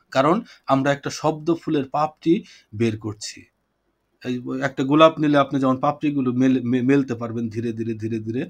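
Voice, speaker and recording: A man teaching a poetry class over a video call, explaining points patiently, repeating them and asking his students questions. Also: mid-range voice. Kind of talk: online class lecture.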